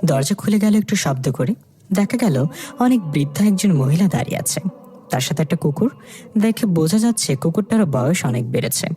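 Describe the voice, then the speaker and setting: Give me a mellow, warm-toned narrator reading a spooky tale over faint music. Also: mid-range voice, animated, a little fast. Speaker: storyteller. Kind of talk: scripted horror story narration. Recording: soft music behind.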